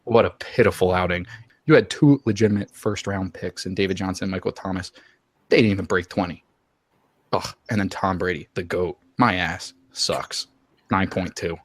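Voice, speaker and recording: A young man with a lowish voice hosts a comedic fantasy football chat, gloating over his win and hamming it up with mock drama. His voice is close and dry, with no room sound around it. He talks in a theatrical, trash-talking way. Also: steady tone, normal speed, dry recording. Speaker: podcast host.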